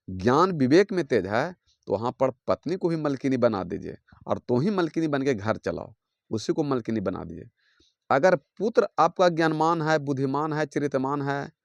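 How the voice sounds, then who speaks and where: A man's voice: medium pitch, dry recording, clean studio sound. A man giving a devotional sermon, preaching in a rhythmic, repetitive way with lists and homely examples.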